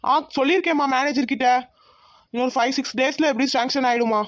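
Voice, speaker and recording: A woman voicing a dutiful adult son in a cartoon who gently calms his family. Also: sits high, fast, no room sound, clean studio sound, lightly acted. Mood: placating. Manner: gentle, placating.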